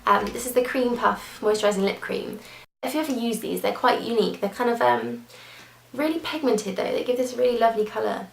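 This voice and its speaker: A woman's voice: a little high, brisk, gravelly, slight background noise. A young woman chatting casually through a beauty product review, gushing, with lots of fillers and restarts. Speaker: beauty vlogger. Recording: echoey room.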